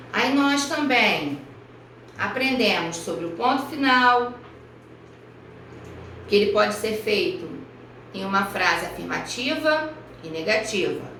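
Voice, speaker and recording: A woman primary school teacher from Brazil giving a recorded review lesson for children, speaking slowly and carefully and spelling out each example. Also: medium pitch, fairly bright tone, a little hiss or hum. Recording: echoey room, voice far from mic.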